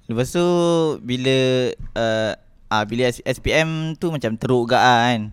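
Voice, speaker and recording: Young Malaysian guy, casual podcast talk, smooth and resonant, close dry mic, rambling self-deprecating delivery. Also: mid-range voice, normal speed, no room sound. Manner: rambling, self-mocking storytelling with repeated restarts. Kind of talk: casual chat.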